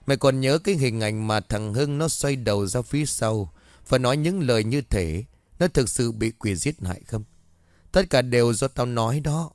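A man's voice: mid-range voice, a little mellow, dry recording, studio quality, lightly acted. A man voicing a vengeful middle-aged man who gloats over his enemy in a cold, menacing way in a spoken horror story. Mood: cold menace.

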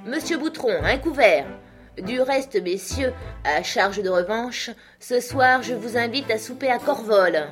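A stout, good-hearted old gentleman who booms out his good news, as a woman narrator puts him on. He is hearty and exclamatory. It reads as an audiobook character voice. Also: animated, a little slow, faint music behind. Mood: generous. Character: stout, sweating, good-hearted older man.

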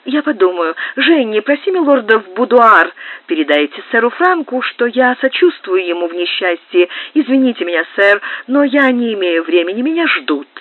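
A woman reading an audiobook, voicing an emotional young countess in love, with a high-strung, pleading manner. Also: very animated, moderate pace. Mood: agitated. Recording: narrow phone-like band, dry.

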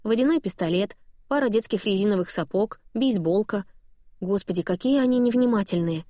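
A woman narrating a first-person novel with a lively, wry storytelling manner. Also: medium pitch, brisk, dry recording, studio quality. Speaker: audiobook narrator.

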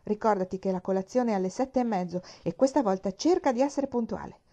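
A woman's voice: mid-range voice, quick pace, dark tone, dull audio, natural voice. A woman doing a cold, strict aunt. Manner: cold, formal.

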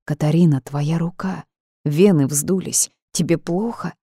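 A woman voicing an anxious, caring old male ghost in an audiobook, speaking in a worried, hushed way. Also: sits low, moderate pace, no echo, studio quality.

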